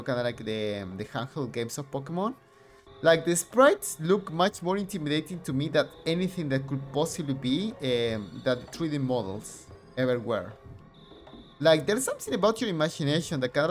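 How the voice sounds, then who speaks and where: A streamer casually commenting while playing a retro game, rambling with many fillers. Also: medium pitch.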